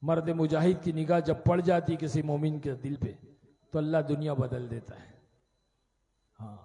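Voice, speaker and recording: Male preacher, high voice, dramatic storytelling, recites couplets, long reverb from a large venue. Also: fairly even intonation, dark tone. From India. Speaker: Islamic preacher. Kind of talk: religious sermon with storytelling. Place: outdoor religious gathering.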